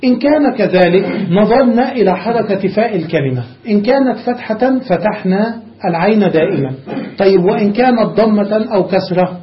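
A male sheikh teaching grammar to a class, quizzing students with rhetorical questions and reciting word forms one by one. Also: high-pitched. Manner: recites word forms one after another in a measured, drilling way. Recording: dull lo-fi lecture recording.

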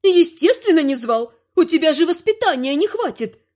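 A woman's voice: extremely high pitch, lively intonation, moderate pace, darkish tone, pitched above the performer's own voice. A woman doing a haughty scolding old grandmother. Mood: indignant scolding. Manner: indignant, lecturing, theatrical.

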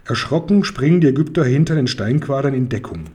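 A man reading a children's audiobook as narrator, telling the story in a lively way. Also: mid-range voice, brisk, slightly rough.

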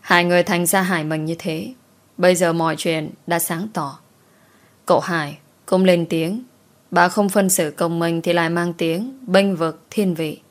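Low-voiced woman narrating a story. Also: steady tone, unhurried.

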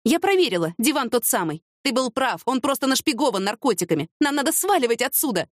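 A woman's voice: fairly high pitch, expressive, fast, no room sound, clean studio sound, pitched above the performer's own voice, close to an everyday voice. A woman reading an audiobook, voicing a fiery, impulsive young woman with heated, emphatic retorts. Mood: insistent.

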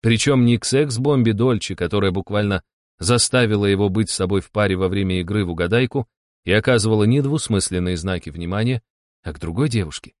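A man's voice: fairly low pitch, fast, darkish tone, no room sound, studio quality. A man narrating a humorous novel as an audiobook in a wry, ironic tone. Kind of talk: audiobook reading.

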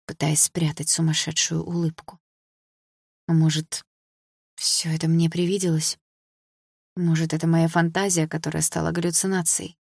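A woman's voice: low-pitched, vocal fry, a little mellow, slightly rough, dry recording, studio quality. A woman narrating a first-person romance novel in an intimate, emotional way. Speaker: audiobook narrator.

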